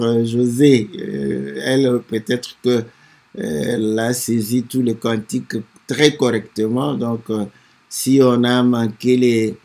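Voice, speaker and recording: A man commenting on a hymn in a hesitant sermon style, filling pauses with frequent fillers. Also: mid-range voice, creaky, dark tone. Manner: hesitant, many "euh" fillers and "n'est-ce pas".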